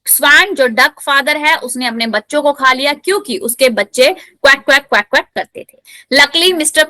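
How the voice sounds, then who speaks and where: A woman teacher explaining a textbook lesson, switching between Hindi and English, reading lines slowly and then explaining them in a lively way. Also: high-pitched, no echo. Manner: lively, acts out the story's voices.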